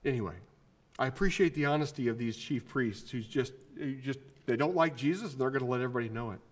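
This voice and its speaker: A male pastor preaching a sermon in a conversational way, often restarting his sentences and acting out the quoted voices. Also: quick pace. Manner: acts out quoted voices with lively pitch swings.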